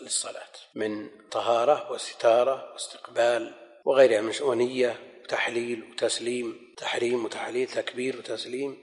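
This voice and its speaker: A man teaching a scholarly lesson in a measured, explanatory manner, often repeating key phrases. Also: medium pitch. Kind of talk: recorded lecture commentary. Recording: long hall reverb.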